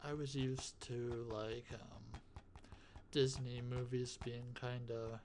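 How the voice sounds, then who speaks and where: Slow, soft-spoken ASMR man with tapping. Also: mid-range voice, flat delivery. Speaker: ASMR video host. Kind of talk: soft-spoken ASMR, casual rambling movie talk. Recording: clicking, tapping noise behind voice. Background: finger tapping and clicking sounds.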